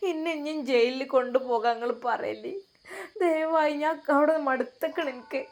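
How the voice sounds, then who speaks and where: A woman's voice: high voice, steady tone, slow pace. A woman voicing a desperate middle-aged woman who pleads tearfully for mercy. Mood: pleading, tearful.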